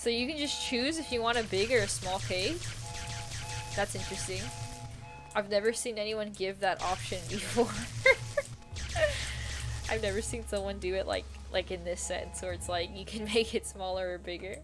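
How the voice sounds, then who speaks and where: A woman's voice: mid-range voice, moderate pace, long pauses. A young woman streaming a game, chatting casually and rambling, with frequent giggles and casual swearing. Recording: faint music behind.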